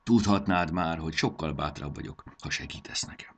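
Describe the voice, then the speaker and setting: An eager, brave boy in a storybook adventure, played by a man. He sounds reassuring and keen, only slightly lifted in pitch. The voice keeps a gravelly, husky edge. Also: full character voice. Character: brave, encouraging young boy.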